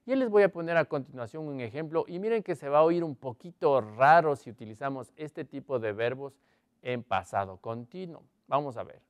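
Lively-pitched man teaching English grammar. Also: no room sound. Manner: explains in Spanish, reads English examples slowly; asks students questions often. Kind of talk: online grammar lesson.

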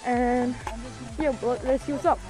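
Hyper casual vlogger woman, kinda high voice, cusses a lot, repeats stuff, music going in the background. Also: a little slow, low-quality recording. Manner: excitable, profane, repeats phrases. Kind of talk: casual handheld vlog. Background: music playing.

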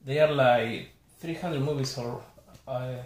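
A collector displays his haul to the camera in an informal chat, his mid-range male voice set against slight background noise in an echoey small bedroom. Argentine by origin, he speaks Spanish as his first language with an Argentine accent, hesitantly and apologetically reading out each title.

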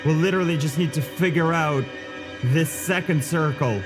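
A man's voice: a little high, moderate pace, music in the background. A man playing a horror game and commentating as he thinks aloud, easily spooked like a scared streamer.

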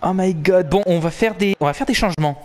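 A young man giving excited, swearing live commentary while playing a football video game. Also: high voice, fairly quick. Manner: animated, swearing, cheering and groaning at the match. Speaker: gaming commentator.

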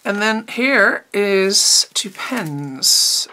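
A woman art teacher chatting casually and eagerly as she unboxes art supplies, thinking out loud as she goes. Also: medium pitch, lively intonation, very slow, a little hiss or hum. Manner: chatty and enthusiastic, thinking aloud.

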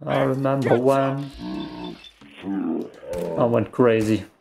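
Over slight background noise, a German-native let's play gamer speaks slowly and steadily in a mid-range, slightly mellow voice with vocal fry. He rambles while playing, reacting out loud and mocking himself, on a desk mic at home.

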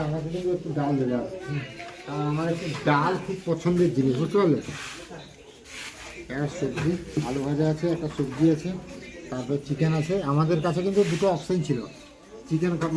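A man filming a casual family travel vlog, chatting, teasing his relatives and breaking into song, first on a beach at night and then at dinner. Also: fairly high pitch. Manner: chatty, teasing family members, bursts of singing. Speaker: vlogger.

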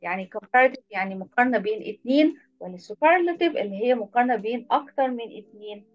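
A woman's voice: fairly high pitch, expressive, fast, dull audio. A woman with an Egyptian Arabic accent teaching an English class online, patiently explaining and praising each pupil by name. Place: online video lesson.

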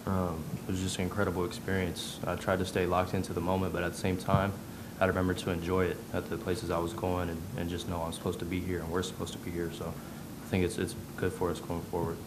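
A man's voice: sits low, monotone, quick pace, noisy background. A young man, a college basketball player, answering press questions after a game in a reflective, earnest way, speaking into a table mic in a press conference room. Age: young adult. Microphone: table mic on a stand.

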